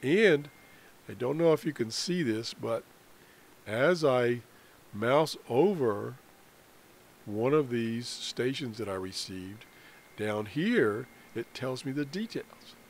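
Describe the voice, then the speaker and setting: Walking through software on screen without a script, this American man is an amateur radio hobbyist teaching a tutorial. His medium-pitched voice is animated, though his explanations come haltingly with trailing phrases. The voice-over sounds clear, and background noise can be heard.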